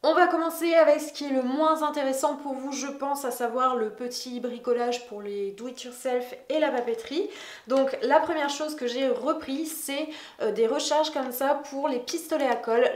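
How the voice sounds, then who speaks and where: Woman doing a casual decor haul vlog, upbeat and chatty, lots of ums, echoey room. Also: on the high side. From France. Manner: chatty, enthusiastic, lots of hesitations. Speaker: decor vlogger.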